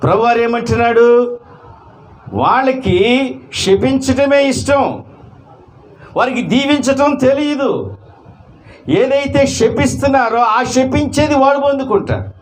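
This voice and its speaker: A male pastor preaching a sermon, with many rhetorical questions and swings between loud emphasis and quiet asides. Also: extremely high pitch, takes it slowly, pauses often.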